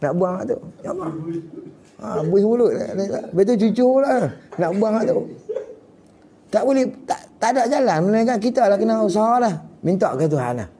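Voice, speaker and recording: A man giving a kitab study lecture as a religious teacher, telling stories with loud and quiet asides. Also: a little high, a little hiss or hum. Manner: storytelling, swinging between loud and quiet asides. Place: mosque lecture hall.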